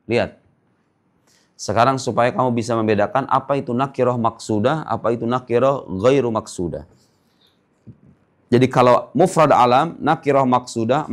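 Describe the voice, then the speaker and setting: A man teaching Arabic grammar in a classroom lecture. He explains step by step, checks whether his students follow, and chants the example words slowly. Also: mid-range voice. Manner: explains step by step, asking "paham nggak?".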